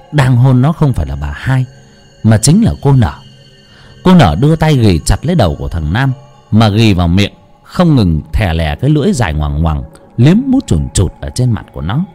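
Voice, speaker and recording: Guy narrating a ghost story, dark husky voice, swings up and down a lot, faint music. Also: fairly low pitch. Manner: dramatic, lurid.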